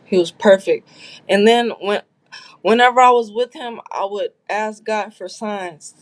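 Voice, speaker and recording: A woman's voice: mid-range voice, unhurried. Woman guest, blunt and candid, recounting her story in a casual chat. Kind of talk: casual livestream interview.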